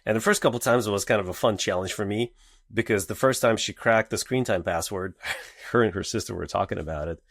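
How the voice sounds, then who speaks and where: A man's voice: on the low side, a little fast, creaky, a bit bright, dry recording, studio quality. A man speaking as a guest on a podcast, telling stories about his kids in casual conversation, hesitant and full of fillers and restarts. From Russia.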